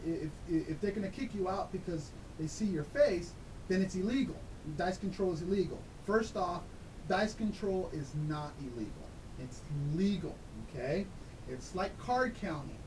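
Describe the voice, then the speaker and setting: A man's voice: a little mellow, poor audio. A man talking through a voice disguiser, explaining things casually and emphatically as an interview guest, often checking in with "okay?". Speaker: guest, dice-control instructor. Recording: clear background noise with low rumble.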